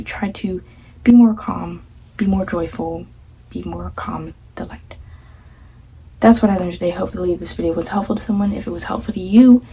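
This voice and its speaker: A young woman vlogging, talking through her thoughts in a casual, reflective way, often repeating herself and drifting into soft half-whispered asides. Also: fairly low pitch, husky, low-quality recording.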